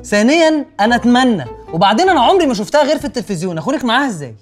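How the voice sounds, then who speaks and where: An actor with an Egyptian accent playing Youssef, a young, hot-tempered, jealous husband in a TV comedy. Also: male voice, very high voice, sing-song, soft background music. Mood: angry. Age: young adult. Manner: loud and fast, shouting threats.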